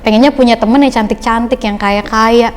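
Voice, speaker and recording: A woman's voice: a little high, steady tone, a little fast, clear, resonant tone, long reverb tail. A young woman guest speaking in a chatty, loose storytelling way with many fillers, giving a casual personal testimony on a podcast.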